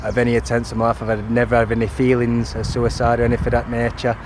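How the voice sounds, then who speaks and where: Standing by a street with traffic going past, a man in his 30s films a first-person video to camera, insistently restarting and correcting himself over and over. He speaks quickly in a medium-pitched, completely flat voice.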